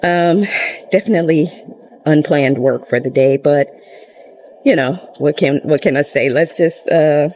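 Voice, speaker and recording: With a camera set up close by, a woman chats loosely through her garden vlog outside, out of breath and filling gaps with fillers. Her low-pitched voice is unhurried and a little mellow. Audio quality is poor.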